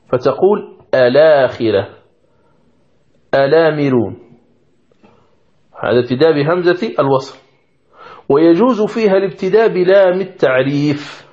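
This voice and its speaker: A man's voice: on the high side, a little mellow. A man teaching Quranic recitation from a textbook, explaining rules patiently step by step and repeating examples. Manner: asks the listeners questions, then answers them. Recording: dull lo-fi recording.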